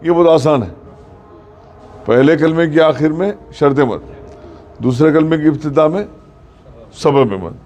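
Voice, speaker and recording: A man's voice: on the high side, long pauses, a little mellow. Patient male recitation teacher. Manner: explains patiently, quizzing students. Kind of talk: tajweed class in a mosque. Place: mosque.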